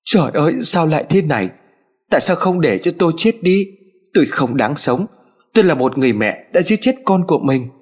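A man's voice: on the high side, very animated, a little fast, breathy edge, pitched above the performer's own voice. A man voicing a young servant woman who has lost her unborn child, crying and pleading in a pained voice, in a storybook audio tale. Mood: wailing. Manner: sobbing, pleading cries. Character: young grieving servant woman, desperate mother.

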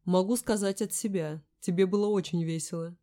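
A woman's voice: lowish voice, steady tone, a little fast, warm tone, close to an everyday voice. A woman reading a charming, easygoing young man teasing a girl on the phone in an audiobook, with a velvety voice. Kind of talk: audiobook character voice.

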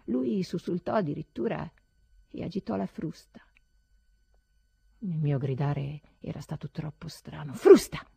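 Woman, audiobook reader, husky breathy voice, gravelly edges, lively swooping pitch, feverish whispers and outbursts. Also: measured pace, pauses often, dry recording. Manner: feverish, swings between hushed whispers and sudden cries. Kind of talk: dramatic literary reading.

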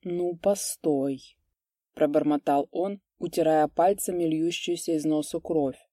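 Brief: female audiobook narrator, low mellow tone, dry close sound, acts out the dialogue. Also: steady tone, normal speed, dry recording. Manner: raises pitch and volume for shouted dialogue. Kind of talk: audiobook reading of a classic story.

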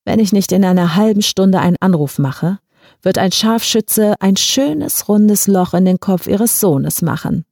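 An audiobook reader, a woman with a medium-pitched voice and no echo, performs a short story as a suave, polite male blackmailer. Smooth and unhurried, he calmly and quietly threatens his victim with menace.

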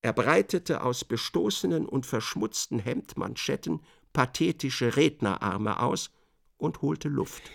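A man narrating a literary radio drama in a measured way. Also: medium pitch, lively intonation, vocal fry.

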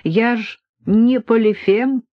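In an audiobook, a woman reads as a breezy young fellow who gives orders like a prince and teases everyone. His lines sit a little higher and louder than the narration, delivered slowly and carefully on a dry, dull-sounding recording. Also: fairly even intonation, no room sound. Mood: cheerful. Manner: cheery, bossy, teasing. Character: young blond man, cheerful and commanding. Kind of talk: audiobook reading.

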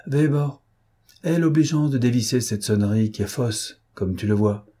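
A man voicing a cool, ironic gentleman thief who gives imperious orders in an audiobook. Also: medium pitch, normal speed, breathy edge, natural voice. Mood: mocking. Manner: imperious, calmly mocking orders. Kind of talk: audiobook character reading.

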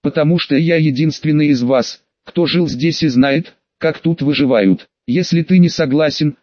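A man's voice: on the high side, moderate pace, a little mellow, dry recording, lo-fi sound, natural voice. Man doing a stern commanding merchant leader. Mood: cold threat. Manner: barked, commanding orders.

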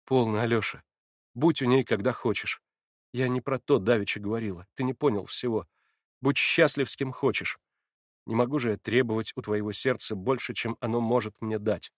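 A man reading aloud, voicing a heartbroken young woman who speaks slowly and wearily. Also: medium pitch, dry recording, clean studio sound, natural voice. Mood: sorrowful. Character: sorrowful young woman, quiet and reproachful.

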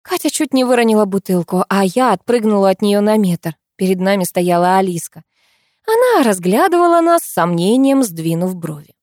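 A woman narrating a novel in the first person, reading with an animated, expressive delivery. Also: mid-range voice, moderate pace, no room sound, studio quality. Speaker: audiobook narrator.

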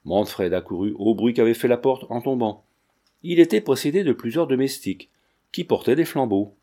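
A man reading a classic novel aloud with a measured storytelling cadence. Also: mid-range voice, animated, dark tone. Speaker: audiobook reader.

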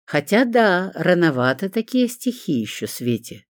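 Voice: medium pitch, big pitch swings, a little slow, no echo, studio quality, voice pushed up. A reader voicing an imperious, sardonic elderly woman with a well-trained commanding voice. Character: imperious sharp-tongued elderly woman patient.

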